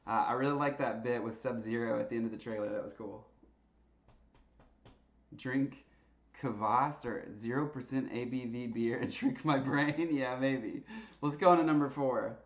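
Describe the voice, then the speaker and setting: A man casually hosting a live-streamed trivia night, chatty and quick to laugh between answers. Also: medium pitch, lo-fi sound. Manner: chatty, laughs easily, lots of uh fillers.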